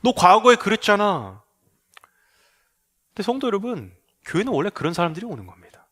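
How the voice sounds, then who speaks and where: A male pastor preaching with a high, lively voice that swings widely in pitch. He slips into playful everyday voices for the people in his story, then drops back to earnest preaching. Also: a little fast. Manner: acts out crowd voices in lively dialogue. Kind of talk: sermon.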